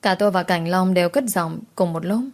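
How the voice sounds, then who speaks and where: A woman's voice: on the low side, brisk. A woman narrating a romance novel in the first person, with dramatic, emotional storytelling. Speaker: audiobook narrator.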